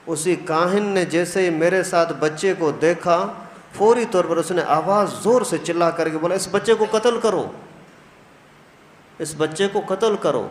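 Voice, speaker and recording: A man preaching a storytelling sermon who acts out the dialogue as he goes. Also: high-pitched. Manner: animated, acts out quoted dialogue. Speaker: preacher, mufti. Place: mosque hall. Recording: echoey mosque hall, faint noise.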